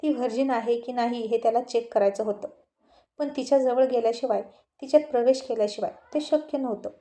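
A woman storyteller narrating a story in a calm, measured way. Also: on the high side.

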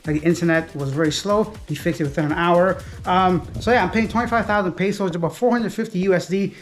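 A man's voice: sits high, fast. Chatty man vlogging to the camera. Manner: chatty, easygoing, talks straight to the camera. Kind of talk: casual travel vlog. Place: apartment indoors and city streets.

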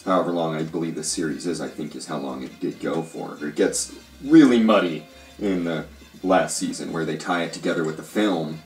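A man's voice: extremely low pitch, brisk, a little mellow, faint music behind. A man co-hosting a casual show, talking in a rambling way full of fillers and hedges. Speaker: co-host. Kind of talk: casual chat reviewing a TV show. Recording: roomy, distant mic.

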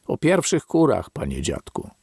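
A man reading an audiobook, voicing an eager, curious young man who exclaims excitedly. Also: on the low side, moderate pace, gravelly, breathy edge, dry recording, clean studio sound, heavily acted.

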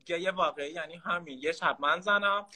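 A man's voice: on the high side, sharp tone. A man in his twenties from Iran, a guest on a video call, talkative and playful. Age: 20s. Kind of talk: casual live-stream chat.

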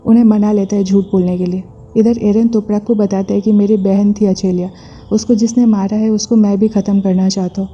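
A woman narrating a brisk plot recap of a drama episode, reading the characters' quoted lines in a plain voice. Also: medium pitch, flat delivery, dark tone, slightly rough. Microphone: voice-over. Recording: dull lo-fi voice-over.

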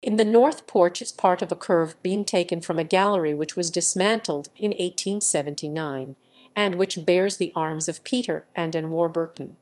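A woman reading an encyclopedia article aloud in an even narration, reading symbols and captions out literally. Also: fairly low pitch, normal speed. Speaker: article reader.

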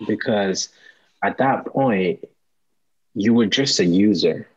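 A young man from Rwanda hosts a relaxed video-call interview. His voice is very deep and a little husky, and the call audio sounds slightly dull. He talks upbeat and casually, with frequent laughs. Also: slow pace. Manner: upbeat, laughs often, many "you know"s. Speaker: podcast host. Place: small room at home.

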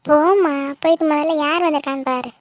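A woman voicing a cheeky teenage village daughter in a cartoon, talking back quickly with a whiny, sassy manner. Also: high-pitched, steady tone, muffled recording, background noise, natural voice. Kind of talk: cartoon voice acting.

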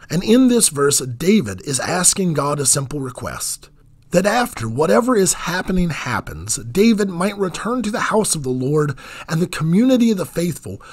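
A man preaching a sermon in an earnest, measured way, letting his voice drop on key phrases. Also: fairly high pitch, breathy edge.

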